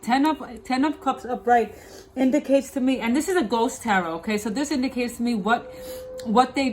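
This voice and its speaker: Lisping woman reading tarot, higher voice. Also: slight background noise, low-quality recording. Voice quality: slight lisp from wearing clear dental aligners. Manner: emphatic and repetitive, often checking in with "okay?". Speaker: tarot reader, host. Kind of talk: tarot reading addressed to viewers.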